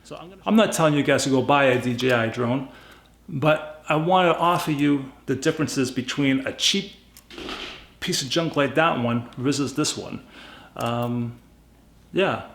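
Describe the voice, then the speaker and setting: A man with a Boston accent talks through a casual, unscripted review in a medium-pitched voice. He is plainspoken and emphatic, often repeating a phrase to drive it home. The sound is noticeably roomy and echoey. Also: normal speed, a bit bright. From New England, USA. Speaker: YouTube gadget reviewer.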